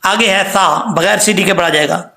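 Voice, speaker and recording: A man teaching the rules of Quran recitation, explaining letter sounds and then chanting the verses slowly and drawn out. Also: high-pitched, vocal fry, bright, forceful tone, roomy sound. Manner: says "ok" and "theek hai" between points. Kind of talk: tajweed lesson with slow chanted recitation.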